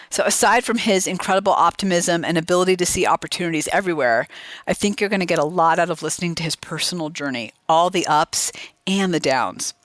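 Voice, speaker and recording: A woman's voice: fairly low pitch, a bit bright, dry recording. A woman hosting an interview podcast, upbeat and enthusiastic as she opens the show and asks about her guest's journey. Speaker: podcast host.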